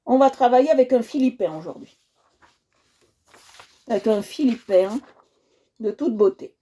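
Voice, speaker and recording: A woman runs a casual coloring livestream, chatting to her viewers and often going back over what she just said. Her voice sits fairly high but has a soft, mellow tone. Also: animated, a little slow, breathy edge. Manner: chatty, repeats herself, addresses viewers directly.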